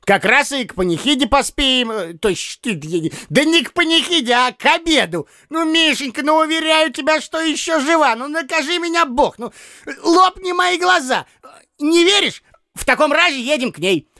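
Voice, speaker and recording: Brief: man reading as a nagging, blundering old man for an audiobook, high, bouncy, fumbling his words, dry close sound. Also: very animated, measured pace, fairly bright tone, dry recording, full character voice. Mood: fussy. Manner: stammering, self-correcting, cackling.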